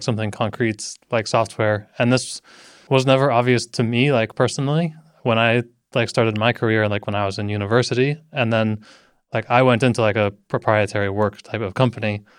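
Male podcast host, smooth clear voice, casual chatty questions, dry close mic. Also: mid-range voice, no echo. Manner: casual, uses lots of "like". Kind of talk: podcast interview.

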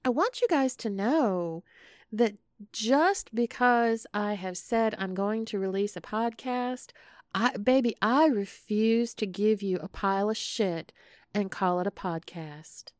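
Female podcast host, unhurried and intimate, playful and flirty, close dry sound. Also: fairly high pitch, a little mellow, no echo. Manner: flirtatious, playful, addresses listeners with pet names. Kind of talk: casual, intimate solo podcast chat.

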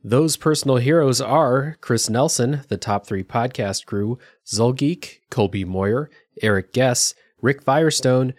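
A man's voice: medium pitch, measured pace, few pauses, no echo, studio quality. A man hosting a video game review podcast, chatting casually with a guest and using frequent fillers. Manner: relaxed, conversational with frequent fillers. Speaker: podcast host. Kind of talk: casual podcast chat and read sponsor thanks.

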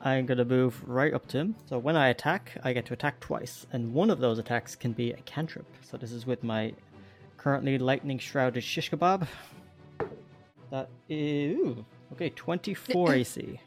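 Male player, keen storyteller of his turns, middle-pitched voice, quiet music behind. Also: moderate pace. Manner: eager, vividly describes his moves. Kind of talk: tabletop game play.

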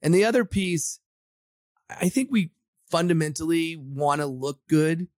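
A man's voice: expressive, measured pace, no room sound. Upbeat man with a dry, close sound. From Samoa. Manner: confident, motivational, pitch-like. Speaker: podcast guest, agency founder. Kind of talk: casual interview chat.

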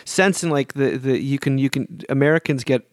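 A man in his forties co-hosting a podcast, talking in a reflective, thinking-out-loud way during casual chat. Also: medium pitch, brisk, no room sound, clean studio sound. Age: 40s. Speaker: podcast co-host.

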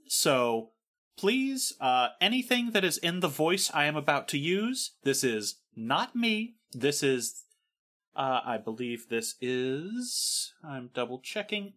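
Woman, podcast co-host, casual chat, chatty, bright, husky. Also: low-pitched.

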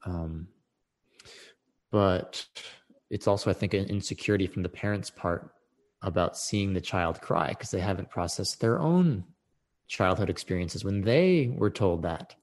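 Reflective male podcast guest, earnest and thoughtful, slightly low voice. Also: animated, unhurried. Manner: earnest, reflective, repeats words while thinking. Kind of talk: casual conversation.

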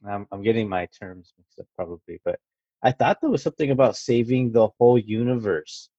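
A man's voice: on the low side, fairly quick, warm tone, slightly rough, dry recording, lo-fi sound. A man co-hosting a casual podcast, pushing back in a wry, teasing way. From Washington State. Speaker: podcast co-host. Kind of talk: casual chat.

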